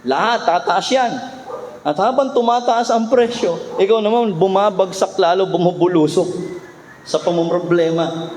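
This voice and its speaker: A man's voice: sits high, moderate pace, a little mellow. A man, a pastor preaching a sermon with emphatic rhetorical questions. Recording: reverberant hall with faint hum.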